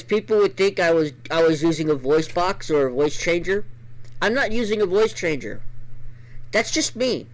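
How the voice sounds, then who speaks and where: Rambling streamer man, slightly high. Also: low-quality recording. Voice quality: normally gravelly voice. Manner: rambling, many restarts, swears casually. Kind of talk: casual storytelling before a let's play.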